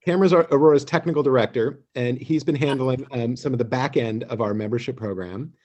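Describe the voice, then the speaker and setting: On a video call, a man hosts a live theater company show, making announcements and speaking appreciatively in a halting way. His voice is mid-range with a darkish tone.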